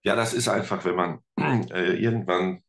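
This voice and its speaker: In a casual interview chat, this middle-aged guest, who teaches and plays music, speaks at a moderate pace in a low-pitched but fairly bright voice. His talk is rambling and hesitant, packed with fillers and jokes at his own expense.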